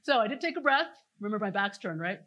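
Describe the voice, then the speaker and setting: A woman giving an energetic conference talk, telling stories and speaking straight to the audience. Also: mid-range voice, fast, noisy background. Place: conference stage before an audience.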